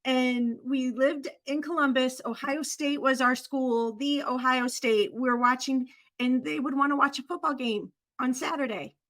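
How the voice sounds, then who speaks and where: Woman, bright tone, earnest, heartfelt, casual podcast talk. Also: high-pitched, steady tone, normal speed, few pauses.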